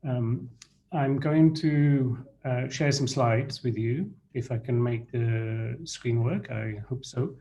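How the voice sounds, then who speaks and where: A middle-aged man from Britain giving an online lecture over a video call, measured and full of fillers and restarts. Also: medium pitch, mellow, poor audio. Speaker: guest lecturer.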